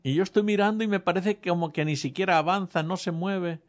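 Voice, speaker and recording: Speaking fairly quickly in a high-pitched voice, a preacher shares a funny personal anecdote during his sermon, addressing the congregation directly.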